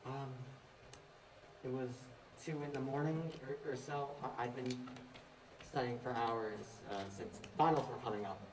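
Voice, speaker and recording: A young man with a medium-pitched, steady, unhurried voice, close to an everyday one, plays an anxious, awkward, hesitant student who stammers in a stage play. He sounds nervous and rambling. The clip is a distant, echoey recording from an indoor stage with background noise.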